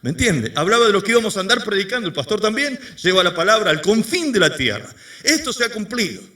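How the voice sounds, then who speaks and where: A man preaches in a high, bright, sharp-edged voice that swings widely up and down. He keeps putting questions to the congregation as he goes. He sounds a little distant from the microphone. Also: big pitch swings, quick pace. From Argentina. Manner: quizzes the congregation with rhetorical questions. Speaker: pastor. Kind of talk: sermon. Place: church service before a congregation.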